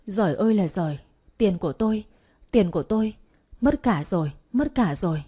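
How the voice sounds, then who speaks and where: A woman voicing an older mother who has been swindled, crying out in a shrill lament. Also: expressive, quick pace, dark tone, husky. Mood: wailing.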